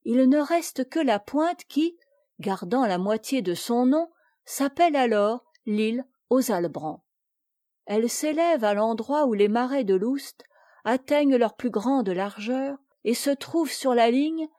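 A woman reads a classic story aloud, unhurried and measured. Her tone is mellow and soft-edged, and she voices the characters' dialogue. The recording is dry and close, with no room sound. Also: fairly high pitch, lively intonation, dry recording. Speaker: audiobook reader. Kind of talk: scripted narration of a classic tale.

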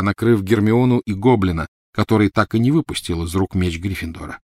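A man reading an audiobook in steady, measured narration. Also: lowish voice, no room sound, studio quality. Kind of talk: scripted narration.

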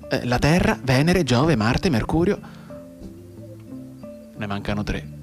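Music plays behind a radio drama monologue in which a man portrays a maimed, despairing young soldier straining to remember. At medium pitch he is very animated, brooding and halting, alternating between hushed and agitated delivery.

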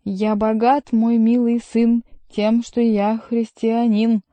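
A woman voicing a loud, blustering, drunken male monk who begs and bellows, reading a storybook aloud. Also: mid-range voice, moderate pace, dry recording, natural voice. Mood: bellowing. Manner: loud and pleading.

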